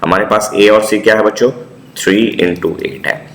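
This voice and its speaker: A man's voice: lowish voice, normal speed, a bit bright. A man teaching a maths lesson to students, coaxing them along and often checking they follow. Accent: Indian English. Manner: coaxing, repeats tag questions to students. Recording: echoey room.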